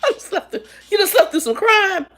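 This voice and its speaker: Animated woman in her fifties. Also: very high voice, normal speed. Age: 50s. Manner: animated, laughing, talks straight to viewers. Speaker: vlogger. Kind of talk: casual storytelling chat.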